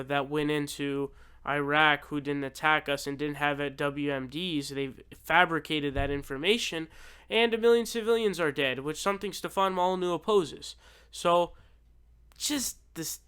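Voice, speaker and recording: Higher-pitched man, smooth voice, casual sweary commentary. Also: fairly bright tone. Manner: informal, sweary, exasperated, incredulous. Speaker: YouTube political commentator.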